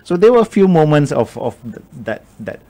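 A man's voice: a little high, big pitch swings, brisk, warm tone. A middle-aged man from Malaysia as a radio guest, talking thoughtfully with many restarts into a studio microphone. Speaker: guest, media executive. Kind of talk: radio interview. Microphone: studio microphone on boom.

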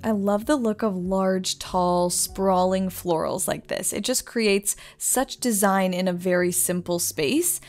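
Young woman, mid-pitched, enthusiastic voice-over host with faint music underneath. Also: takes it slowly, hardly any pauses, darkish tone. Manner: upbeat, enthusiastic product commentary. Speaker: interior designer vlogger. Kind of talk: voice-over shopping narration.

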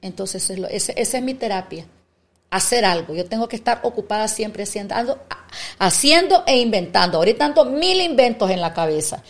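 A woman in her fifties, a businesswoman guest on a podcast, chatting casually and telling animated stories with acted-out dialogue. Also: medium pitch, brisk. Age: 50s. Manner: animated storytelling, acts out quoted dialogue. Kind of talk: casual interview chat.

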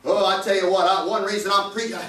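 A man with a very high, piercing voice preaches a fiery sermon at a pulpit microphone, quoting old-style scripture and breaking into shouts. The sound is roomy and echoing, picked up from some distance. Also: fairly even intonation, fast talker. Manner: quoting scripture in King James wording, rising into shouts.

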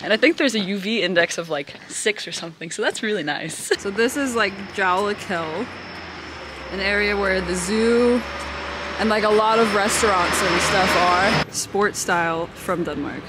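A woman's voice: medium pitch, moderate pace, heavy background noise. A young woman vlogging, chatting casually and giggling as she talks to her viewers and walks around. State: out of breath while walking. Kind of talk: casual vlog narration. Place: indoors at home, then walking outdoors in a city.

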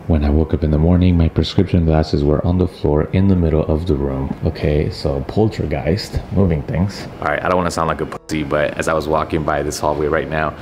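A man's voice: very deep voice, a little mellow, slight background noise. A young man vlogging casually from a hotel room and its hallways, chatty and half-joking with a nervous edge, filmed on a camera held at arm's length. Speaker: travel vlogger. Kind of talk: casual vlog narration. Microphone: handheld camera held at arm's length. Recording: echoey room with faint ambience.

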